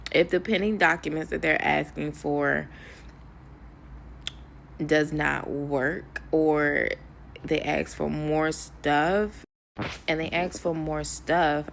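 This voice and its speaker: A woman's voice: sits low, vocal fry, slight background noise. A young woman in a candid personal vlog, talking to her viewers in a rambling way, stressed and close to tears. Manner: candid, talks to viewers as "y'all", rambling with fillers. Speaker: vlogger.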